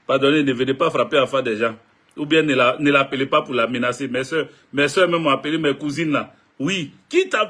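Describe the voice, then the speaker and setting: A man's voice: on the high side, fairly bright tone, husky. A man, a political video blogger, talking casually and jokingly straight to his viewers. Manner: joking, chatty, addresses viewers directly.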